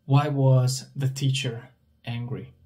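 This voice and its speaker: A man teaches at a very unhurried pace. His voice is husky and mid-pitched. He asks a question, pauses, and then answers it himself in simple words. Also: level tone, mellow. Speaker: English teacher. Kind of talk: slow question-and-answer language lesson.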